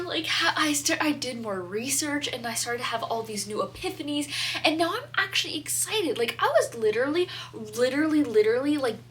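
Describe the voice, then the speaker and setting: Young woman, casual confessional vlog, high-pitched, frank and profane, quiet room tone behind. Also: recorded from a distance, a little hiss or hum. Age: young adult. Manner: candid, swearing, emotional swings. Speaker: vlogger, college student.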